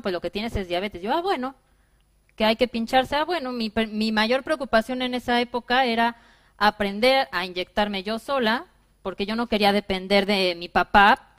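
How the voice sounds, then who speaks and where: A woman, giving a personal keynote talk to a seated audience in a bright conference room, lively and acting out her own past remarks. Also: medium pitch. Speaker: conference speaker.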